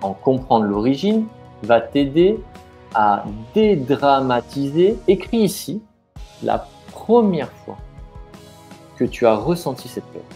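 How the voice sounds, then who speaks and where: A man's voice: medium pitch, big pitch swings, takes it slowly, mellow, faint music behind. A man coaching the viewer directly in an informal, encouraging way, with fillers and restarted sentences. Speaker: business mindset coach. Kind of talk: coaching video talking straight to the viewer.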